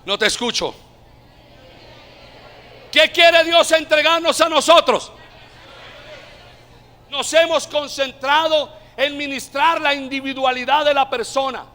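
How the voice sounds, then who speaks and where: A Colombian man preaching a sermon, calling out to the congregation and rising to shouted climaxes. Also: extremely high pitch, slow, pauses often, big-room sound. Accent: Colombian Spanish. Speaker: pastor.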